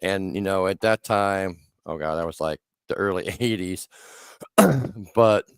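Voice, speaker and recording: A man in his sixties hosts a casual podcast chat, his voice low and resonant. He rambles from memory to memory, breaking off and restarting his sentences, and the sound is close and dry. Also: unhurried, smooth, no echo. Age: 60s. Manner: rambling, self-interrupting storyteller. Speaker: podcast host.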